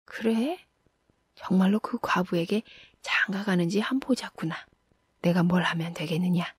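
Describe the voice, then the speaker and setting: A woman's voice: lowish voice, unhurried, breathy edge, dry recording. A scolding village mother, as a woman narrator puts her on. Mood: urgent. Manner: loud, scolding.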